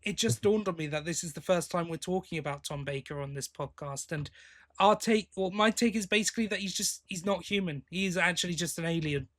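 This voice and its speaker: A British podcast co-host with a high, slightly bright voice speaks a little fast. He chats casually in a blokey, teasing way while giving a fan review.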